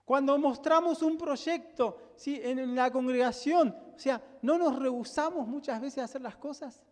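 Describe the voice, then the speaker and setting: A man's voice: extremely high pitch, moderate pace, darkish tone. A male pastor with a Rioplatense Spanish accent preaching a sermon, emphatic and full of rhetorical questions to the congregation. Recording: long hall reverb.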